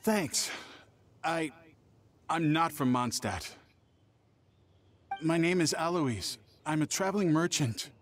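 A man's voice: a little high, lightly acted. A man voicing a nervous, cowardly traveling merchant in a video game, stammering and given to exaggeration.

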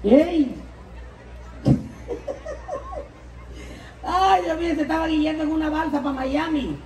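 Male comedian, high, dark-toned voice, bawdy and rowdy, live PA from a distance. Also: fairly even intonation, measured pace. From Mexico. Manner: bawdy, rowdy, shouting catchphrases to the crowd. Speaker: stand-up comedian. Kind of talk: live stand-up comedy at a party. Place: large event hall, party. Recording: roomy live PA sound from a distance.

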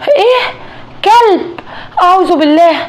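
A woman's voice: sits high, animated, quick pace, slight background noise. A woman playing an anxious Egyptian housewife. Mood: alarmed. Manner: agitated, exclaiming. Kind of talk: storytelling dialogue.

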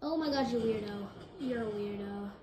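A woman giving excitable live gameplay commentary, jumping between hyped shouts and low mumbles. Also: fairly quick. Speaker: gaming video creator. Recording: roomy echo with faint noise.

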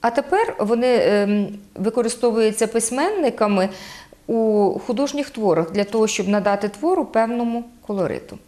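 A woman's voice: fairly high pitch, animated, mellow. Woman explaining dialect with Podillia accent. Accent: Podillia Ukrainian. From Podillia, Ukraine. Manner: hesitant, frequent "e" fillers, spells out sounds slowly. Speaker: guest explaining local dialect.

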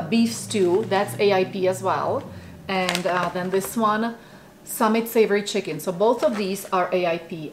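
Against a noisy background, a food company founder from the Czech Republic talks in her mid-range voice during a relaxed interview. She's in her forties, has a Czech accent, and speaks animatedly with lots of fillers in a small indoor office with bookshelves.

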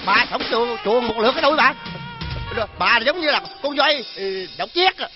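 A blustering old father in a stage comedy. He bickers and exclaims in a raised, high voice. The stage recording sounds lo-fi, with loud music underneath. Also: expressive, normal speed. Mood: quarrelsome. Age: older.

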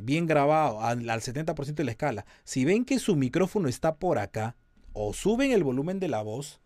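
A man's voice: fairly high pitch, darkish tone, dry recording. A man lecturing on audio compression in an online class, explaining step by step and checking that his students follow.

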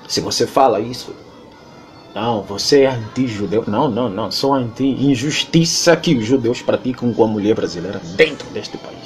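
A man's voice: mid-range voice, expressive, a little fast, few pauses, soft background music. A man from Angola with an Angolan Portuguese accent, speaking in an emphatic, lecturing monologue with a lot of repetition. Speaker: interviewee. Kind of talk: impassioned monologue.

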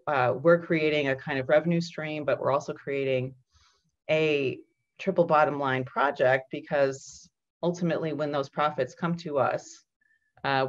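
A woman keynote speaker presenting over slides in a measured, explanatory way, with frequent ums and restarts. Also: low voice. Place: indoors at home on a video call. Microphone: computer mic on a webcam call. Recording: dull lo-fi video call audio.

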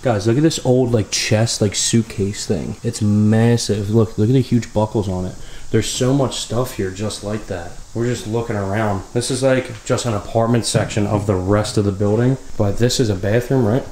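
A young man hosting a casual video walkthrough of an abandoned property, excited and peppering his talk with "like", walking outdoors and through empty rooms. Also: on the low side, normal speed, a little hiss or hum, rough recording. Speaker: urban explorer host. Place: outdoors on rural land, then inside an empty house.

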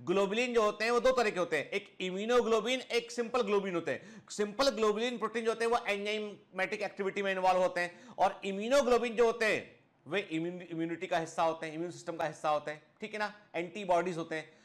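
A man's voice: high voice, fast, fairly bright tone. A man lecturing students as a biology teacher, explaining step by step, repeating key points and often checking they follow. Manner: explanatory, addresses students fondly as children; checks understanding with frequent short tag questions. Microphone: clip-on lapel mic.

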